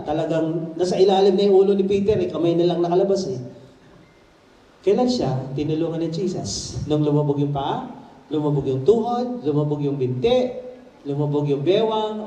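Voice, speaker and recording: Pastor guy preaching, high voice, kinda mellow, big echoey church sound from off mic. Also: distant mic, dull audio. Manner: animated storytelling preacher, mixing Tagalog and English, rising to shouts. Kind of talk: sermon. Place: church hall.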